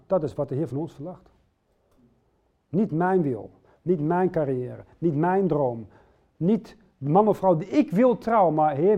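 A middle-aged man preaching a sermon, speaking earnestly and putting direct questions to his listeners. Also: a little high. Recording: dull lo-fi recording.

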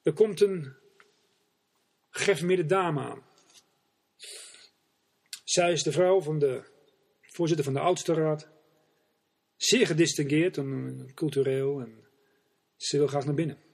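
A man preaching a sermon, telling a parable in an earnest, deliberate storytelling manner. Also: a little high, gravelly, darkish tone.

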